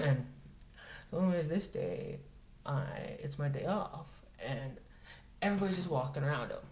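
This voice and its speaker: A man's voice: fairly high pitch, animated, a little slow, pushed and bright. Blunt, profane man telling a story. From Montana. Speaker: vlogger. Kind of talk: casual storytelling monologue. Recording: echoey room, faint noise.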